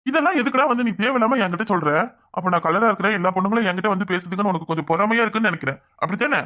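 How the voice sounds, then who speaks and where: A man's voice: sits high, rapid-fire, bright, forceful tone. A man voicing a smug, fair-skinned young rival in a cartoon, taunting and sneering, with a Kanyakumari Tamil accent. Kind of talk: cartoon voice acting.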